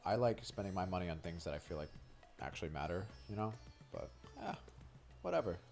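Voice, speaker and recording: A man's voice: deep voice, big pitch swings, brisk, gravelly, darkish tone, faint music behind. A man streaming a video game, chatting casually in a rambling, frank way with many fillers. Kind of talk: casual chat while gaming.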